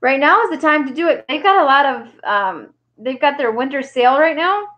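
A woman's voice: sits high, lively intonation, normal speed, a bit bright. A woman hosting a casual crafting livestream, chatting with viewers and reading their comments aloud with frequent laughs.

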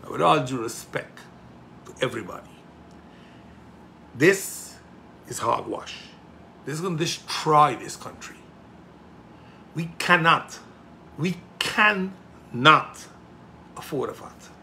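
A middle-aged man talks politics with a bright, forceful edge to his voice and a fairly high pitch. He moves between measured explanation and loud, indignant rhetorical questions. A faint hiss of background noise sits under him. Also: animated, creaky. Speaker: political commentator hosting a show. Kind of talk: impassioned political commentary.

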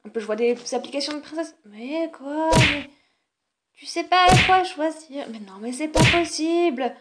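A woman's voice: high-pitched, animated, a little slow, noisy background. A woman voicing an angry, sulky boy in a toy film, whining and protesting.

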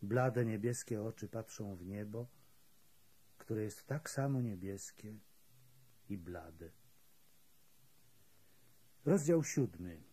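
A man with a husky voice reading literary prose as an audiobook narrator, measured and expressive. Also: lowish voice. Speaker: audiobook reader.

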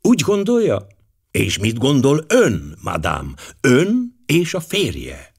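A man voicing a precise, formal older male detective with a measured delivery. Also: mid-range voice, wildly swooping pitch, vocal fry, slightly rough, exaggerated voice.

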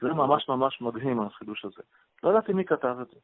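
A man, a rabbi and radio guest, telling a story from his past in an interview, halting with fillers as he goes. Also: medium pitch, animated. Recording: phone-line radio call, dry.

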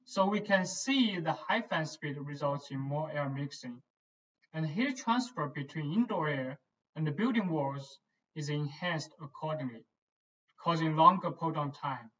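A man, a research engineer, giving a scripted, measured technical explanation as a voice-over for presentation slides. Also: fairly high pitch, fairly bright tone. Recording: distant, dull lo-fi voice-over.

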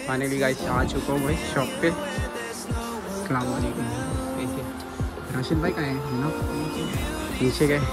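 A moto vlogger talks casually to viewers while walking busy city streets and through an outdoor station, calling them brother and guys. His mid-range voice has lively intonation and a measured pace with frequent pauses. It is recorded on an action camera he carries, with loud music over the street noise.

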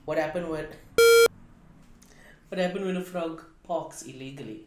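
A man's voice: on the high side, normal speed. Young man telling dad jokes, echoey. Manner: setup and punchline joke telling. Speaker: dad joke contestant. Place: outdoors on a couch by a brick house wall. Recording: echoey, faint background noise.

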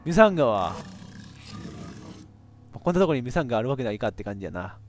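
A man with a giving excitable let's play commentary on a horror game, reacting loudly and laughing often. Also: medium pitch, quick pace, faint music behind. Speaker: VTuber game streamer.

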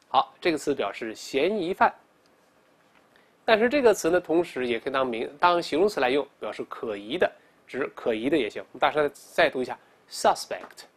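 Animated teacher teaching English words. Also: male voice, fairly high pitch. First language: Chinese. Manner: animated, drills students to read aloud, slows down for English examples. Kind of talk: vocabulary lesson.

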